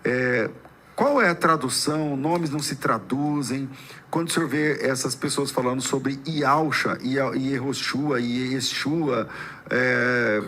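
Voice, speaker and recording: A man hosting a podcast debate as a pastor, laying out a topic in measured, halting questions. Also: mid-range voice, fairly bright tone, a little hiss or hum.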